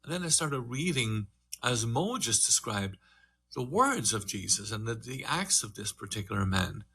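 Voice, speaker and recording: Here an older man with an Irish accent, who teaches meditation, reflects earnestly on his own life within a group discussion. His medium-pitched voice is very animated and sharp, edged with breathiness, and his speed moves between slow and fast.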